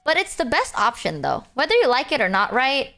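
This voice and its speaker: A woman livestreamer chatting casually with viewers in a cute, expressive, playful anime-streamer manner. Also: high-pitched, a little fast, faint music behind.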